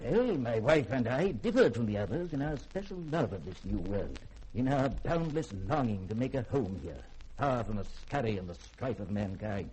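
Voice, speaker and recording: Playing the same kind of secretive, learned scientist in middle age for a 1950s radio play, this male actor speaks in a mid-range, sing-song voice at normal speed, his formal, theatrical phrasing carrying a husky edge and a darkish tone. The feeling is grave and ominous, though the audio quality is poor.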